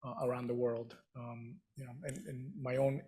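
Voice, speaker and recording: A man's voice: medium pitch, flat delivery, warm tone. A middle-aged man from Venezuela whose first language is Spanish, speaking earnestly on stage with frequent restarts as a guest speaker. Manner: earnest, halting with repeated restarts. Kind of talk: on-stage conversation.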